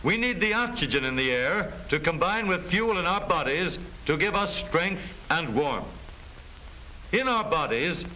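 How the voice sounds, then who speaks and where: His high, animated voice, bright and forceful, explains things with formal emphasis in the style of a 1930s educational film narrator, with an American accent. The rough vintage soundtrack carries faint noise.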